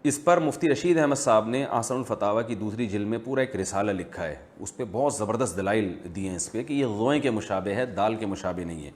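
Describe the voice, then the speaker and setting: A man speaking as an Islamic scholar, answering viewer questions in a measured, explanatory, teacherly way. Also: on the low side, darkish tone. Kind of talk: religious Q&A lecture.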